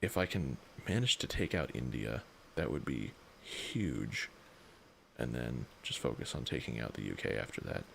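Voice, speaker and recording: Deep, gravelly, exhausted man. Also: expressive, normal speed, fairly bright tone, slight background noise. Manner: tired, rambling, thinking aloud. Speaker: streamer. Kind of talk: casual strategy game livestream commentary.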